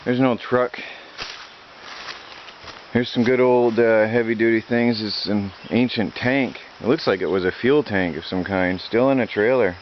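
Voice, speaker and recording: A man's voice: on the low side, normal speed. A man talking casually as he rambles through a vlog outdoors in the countryside, by a creek. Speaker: vlogger. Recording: dull lo-fi outdoor audio, loud creek and nature noise. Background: running creek water, insects.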